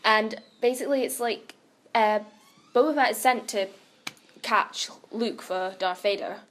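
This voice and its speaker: A woman's voice: fairly high pitch, measured pace. A woman co-hosting a podcast in casual chat, slightly hesitant. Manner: chatty, slightly hesitant with ums. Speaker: podcast co-host.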